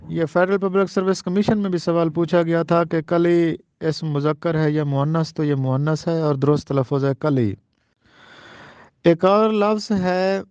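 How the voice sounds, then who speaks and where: A man's voice: a little high, darkish tone, clear, resonant tone, no room sound, lo-fi sound. A man teaching an exam-prep lecture, carefully spelling out the correct pronunciation of words. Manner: careful, deliberate pronunciation drills. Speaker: Urdu teacher.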